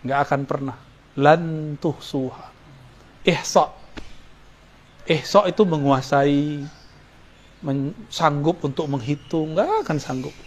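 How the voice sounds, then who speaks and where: A man preaching in a Sufi study circle, explaining Arabic terms, quoting prayers and joking with his listeners. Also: sits high. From Indonesia. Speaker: Islamic preacher.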